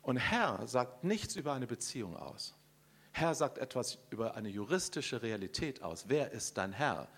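A middle-aged man preaching a sermon, talking straight to his congregation with questions and swinging from loud emphasis to hushed quiet. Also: mid-range voice, sing-song, moderate pace, slightly rough. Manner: addresses the congregation directly with questions.

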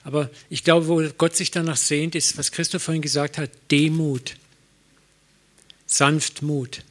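A man's voice: on the high side, little pitch movement, unhurried. A middle-aged man, a pastor, preaching a sermon in a conversational way, with anecdotes and self-mocking humor.

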